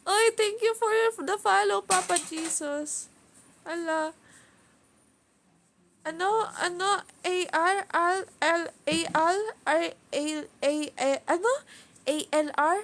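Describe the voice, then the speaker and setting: Very high-voiced Filipino woman, slow and giggly. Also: a bit bright. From Philippines. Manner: giggly, chatty, reads viewer comments aloud. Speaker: livestream host. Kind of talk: casual live-stream chat. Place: at home.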